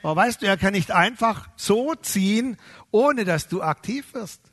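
High-voiced man preaching with animated emphasis. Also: moderate pace. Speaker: pastor. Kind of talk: sermon.

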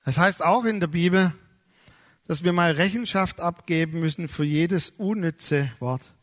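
A middle-aged pastor preaching with a high, light voice that rises and swells as he drives his points home. He slows down on key words for emphasis and acts out the people he quotes. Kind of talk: sermon.

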